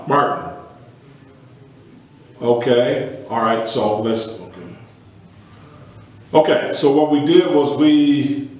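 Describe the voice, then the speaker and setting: Man, host, video call audio, echoing tunnel sound, very roomy, average pitch, puzzled. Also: a little mellow, recorded from a distance. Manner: puzzled while troubleshooting audio. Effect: hollow echo like a tunnel. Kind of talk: casual live talk to an audience. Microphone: computer on a video call.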